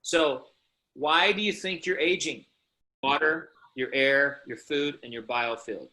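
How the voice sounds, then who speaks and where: Over poor audio, a man hosts a conference call, delivering an emphatic, earnest, and preachy motivational sales pitch. He speaks unhurriedly with a sharp tone and puts questions to his listeners.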